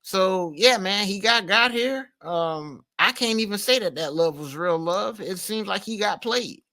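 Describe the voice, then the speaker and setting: A man's voice: high-pitched, expressive, unhurried, sharp tone. A man co-hosting a podcast, talking in a loose, slangy, rambling way full of fillers. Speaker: podcast co-host. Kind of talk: casual commentary chat.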